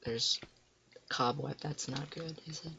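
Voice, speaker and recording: A teenage boy with a cracking voice, rambling excitedly to himself as he plays a computer game. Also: a little high, unhurried, gravelly, dull audio, slight background noise. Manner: excitable, rambling, talks to himself while playing. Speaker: gamer. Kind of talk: casual game commentary. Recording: loud keyboard clicks and typing.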